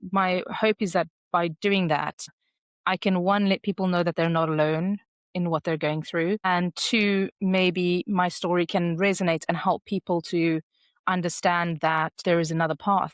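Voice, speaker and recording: A woman's voice: lowish voice, no echo, clean studio sound. A woman hosting a solo podcast, talking in a candid, reflective, conversational way. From South Africa. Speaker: podcast host.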